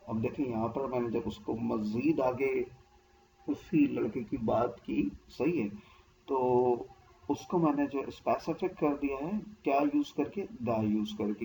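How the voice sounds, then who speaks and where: A man's voice: mid-range voice, a little mellow, slight background noise, low-quality recording. A man teaching a grammar lesson, explaining patiently and stopping often to check that the listener follows. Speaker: English teacher.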